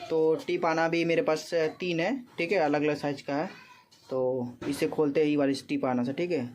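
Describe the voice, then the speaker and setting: A vlogger from Gorakhpur, India, speaks casually to his viewers in an eastern Uttar Pradesh accent, explaining things over and over and often checking in with them. His voice is slightly high and a little mellow, with fairly even intonation at a moderate pace. The amateur vlog audio is clearly noisy, with ambient sound.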